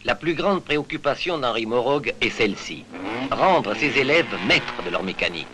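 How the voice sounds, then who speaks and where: Formal 1960s newsreel narrator with hiss. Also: male voice, mid-range voice, animated, bright, forceful tone. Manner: measured, formal. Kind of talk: scripted news narration. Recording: hissy 1960s film soundtrack.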